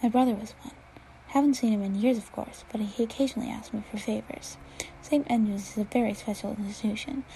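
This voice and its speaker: A stern matron with a clipped, nasal voice, speaking curtly and coldly as if every word is an order, as a woman reading the story puts her on. Her tone sits a little high yet dark and mellow in colour. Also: fairly quick, a little hiss or hum, lightly acted, low-quality recording. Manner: cold, curt. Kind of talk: fan fiction read-aloud.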